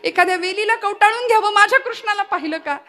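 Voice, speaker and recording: A woman's voice: very high voice, fast talker, bright, forceful tone, voice pushed up. A woman voicing a distraught mother who keeps asking everyone whether they have seen her son. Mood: frantic. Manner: frantic, repeated questioning.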